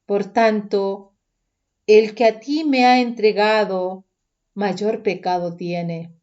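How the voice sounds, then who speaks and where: A woman reading the part of Jesus as a grown man, slow and grave, softer and lower than her narration. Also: fairly even intonation, dull audio, natural voice. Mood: solemn.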